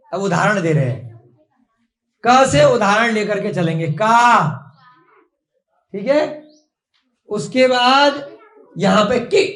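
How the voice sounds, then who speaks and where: A man's voice: sits high, reverberant. A young man teaching a classroom lesson, patiently asking the class questions.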